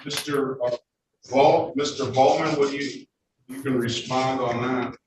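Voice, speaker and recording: A man presiding as a judge, speaking briskly and firmly, cutting people off to keep proceedings moving, in a courtroom recording. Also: mid-range voice, fairly even intonation. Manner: brisk and firm, cuts people off. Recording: echoey courtroom audio from a distant mic, noisy.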